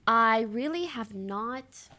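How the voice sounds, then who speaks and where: A woman's voice: on the high side, expressive, slow pace, pushed and bright. A woman in her twenties from Canada, a streamer chatting bluntly and casually while reacting to clips and reading chat.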